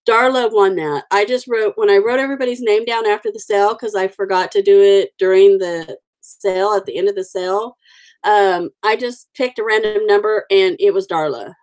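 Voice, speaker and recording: Her pitch is fairly high with a darkish tone. She's a livestream host with an Oklahoma accent and a case of the sniffles, casually talking to viewers by name while she colors stamped cards.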